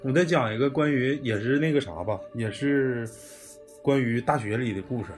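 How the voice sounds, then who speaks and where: A man's voice: mid-range voice, normal speed, soft background music. A man with a Northeastern Chinese accent telling a true ghost story in casual podcast chat, blunt and swearing freely.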